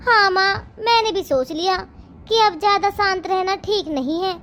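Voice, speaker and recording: Woman doing a young bride, very high voice, defiant, answers back, comic skit. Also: normal speed, a bit bright, a little hiss or hum. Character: young, sharp-tongued daughter-in-law.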